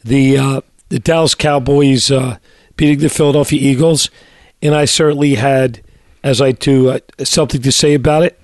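A middle-aged male doctor co-hosting a sports talk show, his voice hoarse and a little raspy, talking in a measured way with many fillers and restarts. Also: mid-range voice, fairly even intonation, no echo, studio quality. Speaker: co-host, doctor.

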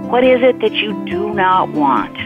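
A woman guiding a meditation in a measured, instructive way, pausing between phrases. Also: mid-range voice, big pitch swings. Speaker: meditation guide. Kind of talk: guided meditation and spiritual teaching. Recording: tinny phone-like line with music behind.

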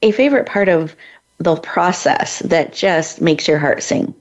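A woman's voice: lowish voice, lively intonation, measured pace. A woman hosting an interview, introducing and encouraging her guest in an effusive way. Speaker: podcast host. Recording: dull lo-fi audio.

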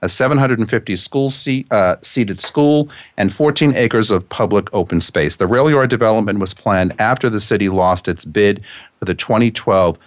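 Low-voiced male host, close dry sound. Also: moderate pace, dry recording. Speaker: radio show host. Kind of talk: hosting, reading prepared notes with asides.

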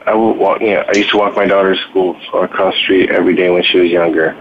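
Deep-voiced father on a tinny line. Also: fairly even intonation, fast talker. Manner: earnest, storytelling with lots of "you know". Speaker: guest, father. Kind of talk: casual podcast conversation. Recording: tinny phone-line sound with faint noise.

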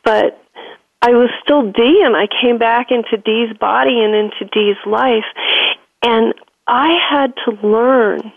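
Woman telling her spiritual story real slow over the phone, gravelly voice, tinny line. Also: fairly high pitch, dry recording. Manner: slow, deliberate storytelling with repeated phrases. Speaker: guest. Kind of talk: emotional spiritual testimony. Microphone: telephone. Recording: dry phone-line audio.

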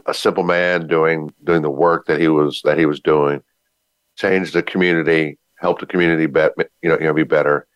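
A man with a deep, firm, raspy voice, congested from sinus trouble, giving an earnest motivational talk as a radio host and repeating phrases for emphasis. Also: dry recording.

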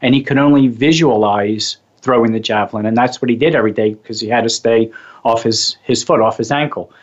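A man's voice: medium pitch, fairly quick. Chatty male radio host, muffled sound. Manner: rambling, self-correcting, chatty. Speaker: radio show host, hypnosis trainer. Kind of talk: casual radio talk. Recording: slightly muffled lo-fi audio.

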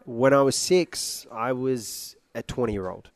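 A man's voice: mid-range voice, slow pace. A man from Iraq, a singer who is a guest on a radio interview, playful and joking. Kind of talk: interview conversation.

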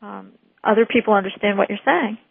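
A woman host keeps the interview moving with short prompts and follow-up questions. Her voice sits at a middle pitch. The line is tinny and phone-like, with a dry sound and no room echo. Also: brisk, vocal fry, husky.

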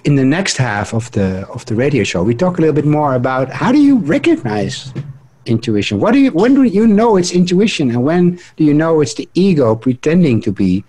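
Halting man co-hosting a talk show. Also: on the high side, big pitch swings, darkish tone, breathy edge. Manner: halting, repeats words, swears casually. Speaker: co-host. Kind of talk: casual radio talk.

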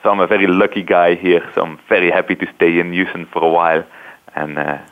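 A man from Belgium with a Belgian accent, calling in to a radio show and telling a relaxed story. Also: deep voice, fast. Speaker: caller. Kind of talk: casual chat. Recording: tinny phone line.

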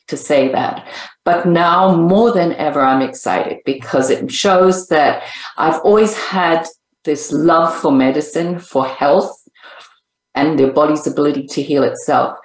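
An older woman from Zimbabwe with a Zimbabwean accent, telling her story in an upbeat, lively way as an interview guest. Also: low-pitched. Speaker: guest, senior living coach. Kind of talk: interview answers. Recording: roomy echo.

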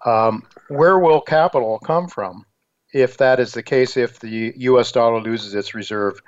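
Halting male radio host, dull lo-fi audio. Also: medium pitch. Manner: halting, repeats words. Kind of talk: financial radio monologue, partly scripted.

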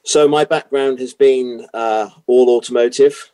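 A middle-aged British man, a guest working as an automotive consultant, answers interview questions. His mid-range voice is mellow with a steady tone, and he speaks with many pauses, fillers and restarts.

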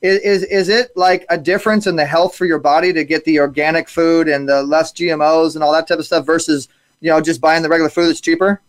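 A man hosts a live online talk show with plenty of enthusiasm and often repeats words as he goes. His voice sits high for a man, and the sound is dry and close. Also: steady tone, quick pace, no room sound. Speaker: show host.

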